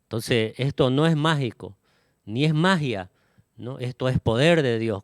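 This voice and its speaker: A man preaching a sermon to his congregation, often tagging his phrases with a questioning "¿no?" and filling pauses with "este". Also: medium pitch, smooth, no room sound, studio quality.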